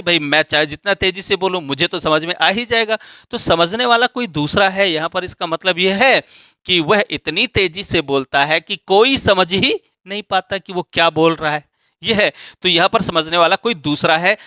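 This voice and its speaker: A man's voice: high voice, pushed and bright, dry recording. A man teaching English grammar, explaining step by step and checking often that students follow.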